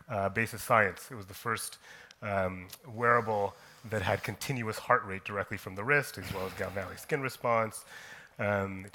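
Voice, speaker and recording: Man from Kenya, low voice, forceful tone, slow storytelling conference talk. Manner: slow, deliberate, with many "um"s. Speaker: conference speaker, company co-founder. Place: conference stage.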